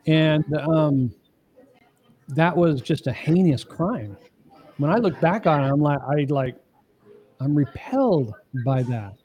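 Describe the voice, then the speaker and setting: A man's voice: fairly high pitch, lively intonation, slow pace, long pauses, mellow. A middle-aged man, a marriage coach guesting on a podcast interview, explaining things step by step in an earnest, emphatic way. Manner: emphatic, often asks the listener "okay?".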